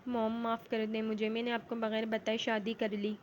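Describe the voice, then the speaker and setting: An earnest young son begs his mother's forgiveness, read out by a woman. The voice sits fairly high and stays level. The delivery is apologetic and sincere. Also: completely flat delivery, slight background noise, natural voice. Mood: pleading. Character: young man, devoted, pleading son.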